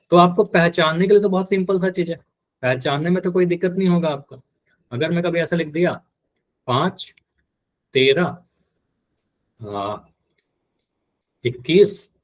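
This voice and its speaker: Male math teacher, slightly higher voice, patient drills, live online class. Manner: patient, repeats key terms and quizzes students.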